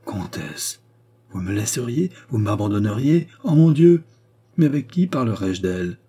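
Desperate lovesick cardinal, read by a man; imploring and emotional; low, dark, husky voice. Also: animated, moderate pace.

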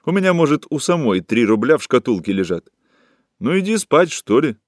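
A man voicing a coarse, scornful young woman who scolds and mocks in a raised, shrill voice. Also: very animated, normal speed, no echo, studio quality. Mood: contemptuous, scolding.

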